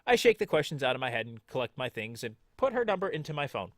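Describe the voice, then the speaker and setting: A man's voice: mid-range voice, very animated, quick pace, dry recording. A man hosting a let's play, reading the game's text aloud and joking along with it in a playful, sarcastic way. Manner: playful and sarcastic, jumps into mock voices.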